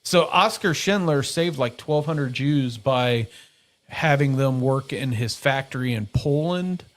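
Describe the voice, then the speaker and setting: A man's voice: medium pitch, unhurried. A middle-aged man hosting a casual podcast, rambling and correcting himself, with easy laughs. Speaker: podcast host. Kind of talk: casual chat.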